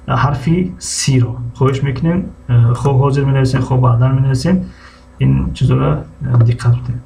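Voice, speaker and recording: A man with a Tajik accent gives a language lesson in a slightly high voice. He works through the rules patiently and repeats each example word again and again so the students can follow. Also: gravelly, a little mellow, slight background noise. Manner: slow, repeats words over and over for students. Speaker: English teacher.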